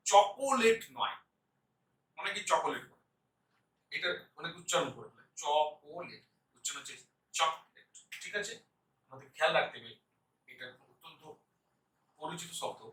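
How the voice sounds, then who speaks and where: Bright-voiced man teaching pronunciation. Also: fairly high pitch, low-quality recording. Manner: slow deliberate repetition of words. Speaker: English teacher. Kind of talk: pronunciation lesson.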